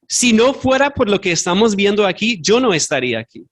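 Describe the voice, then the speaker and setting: With a high-pitched, very animated voice and a slightly fast pace, a man preaches a sermon as pastor in a church sanctuary. He's earnest but not a native Spanish speaker, so he hunts for words and fixes himself out loud.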